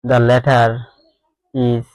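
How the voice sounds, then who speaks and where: A man's voice: mid-range voice, completely flat delivery, very slow, darkish tone, dry recording, low-quality recording. A man with a Bangladeshi accent teaching exam prep, reading quiz questions aloud and muttering answers to himself, repeating words as he thinks.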